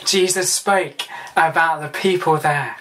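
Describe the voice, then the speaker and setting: A woman training as a vicar gives a children's talk in a low voice at a slow, steady pace. She keeps it playful and turns now and then to a puppet donkey beside her. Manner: playful, chatting aside to a puppet.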